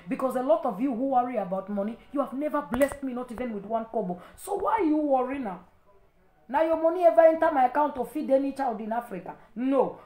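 A woman's voice: on the high side, dark tone, echoey room. A young adult woman preacher on a livestream, fiercely rebuking commenters in heated, repetitive bursts. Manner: fiery, scolding, rebuking; repeats and stumbles in heated bursts. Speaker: preacher and ministry leader.

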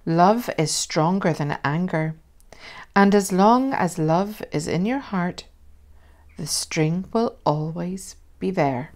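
Storybook mum voiced by a woman reader: reassuring, tender, lowish voice, drawn-out emphatic phrases. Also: a little mellow. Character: loving, reassuring young mother of twins.

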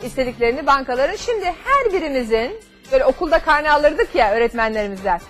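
A woman's voice: high voice, sing-song, fast talker, fairly bright tone, faint music behind. A middle-aged woman hosting a live call-in advice show, explaining things conversationally with a courteous, customer service manner. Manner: explanatory, with everyday examples and lists. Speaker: TV host giving financial advice to callers. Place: TV studio at a desk. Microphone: lapel mic.

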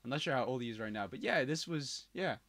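A man's voice: mid-range voice, expressive, quick pace, fairly bright tone. A young man hosting a casual reaction video, joking and rambling with frequent restarts. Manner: joking, rambling, self-interrupting. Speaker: host.

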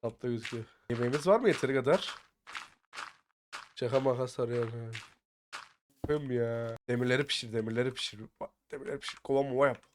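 A man chatting with teammates over voice chat while playing a survival game, slangy and excitable, sometimes muttering quietly and sometimes breaking into shouts. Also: medium pitch, fast, pauses often, a little hiss or hum. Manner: excitable, slangy, bursts into shouting when attacked; often mutters quiet asides. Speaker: gaming YouTuber. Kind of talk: casual gameplay chat with teammates.

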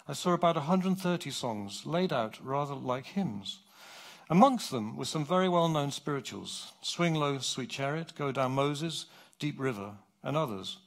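A middle-aged man from England, giving a public lecture from his script on a theatre stage. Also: mid-range voice. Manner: animated, clear and measured.

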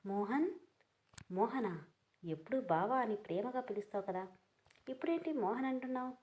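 Brief: woman playing a frantic young mother, high pitched, sobbing pleas, audio storybook. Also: lively intonation, moderate pace, a little mellow, lightly acted, poor audio. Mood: anguished. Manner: sobbing, pleading. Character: desperate young mother pleading for her child.

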